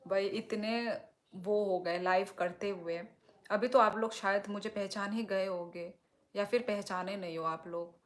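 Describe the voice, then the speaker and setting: A woman's voice: mid-range voice, fairly even intonation, unhurried. A young woman from Tripura chatting casually on a livestream while reading comments, with a blunt tone that can sound like scolding. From Tripura, India. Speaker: livestream host.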